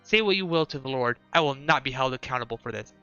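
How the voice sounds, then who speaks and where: A man's voice: medium pitch, lively intonation, quick pace, bright, forceful tone, smooth, lo-fi sound, soft background music. A man reading aloud the lines of an offended, formal male porter from a video game. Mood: indignant. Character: indignant male porter accused of smuggling.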